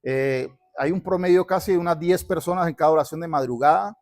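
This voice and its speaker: Preaching in a church sanctuary, a Colombian pastor leads the congregation in repeating after him while delivering a sermon and announcements. His voice is a little high, a little mellow, and fairly quick.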